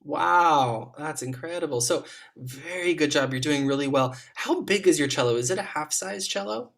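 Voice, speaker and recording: A man serving as a competition juror, giving gentle, encouraging spoken feedback to young players over a video call, with frequent ums. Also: fairly high pitch, normal speed, creaky.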